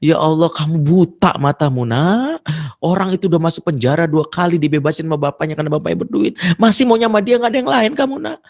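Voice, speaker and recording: Distressed middle-aged single mother, put on by a man: higher voice, pleading and exasperated. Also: fast, darkish tone.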